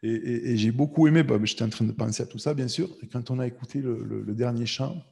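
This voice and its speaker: Gravelly-voiced preacher. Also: male voice, medium pitch, fast, darkish tone. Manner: informal, repeats words, acts out prayers, frequent "hein". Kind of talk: conversational sermon. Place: church hall. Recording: long reverb of a church hall.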